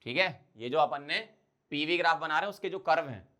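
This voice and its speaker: A man's voice: a little high, quick pace, sharp tone. A man teaching a chemistry class, who keeps putting questions to the students and answering them himself, mixing in English technical terms. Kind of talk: blackboard lecture.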